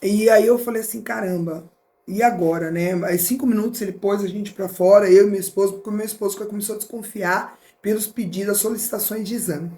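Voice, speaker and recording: Middle-aged Brazilian woman, motivational speaker, storytelling as a guest, animated delivery. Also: mid-range voice, fast talker, few pauses, reverberant. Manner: animated, acts out dialogue in different voices. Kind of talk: emotional personal storytelling.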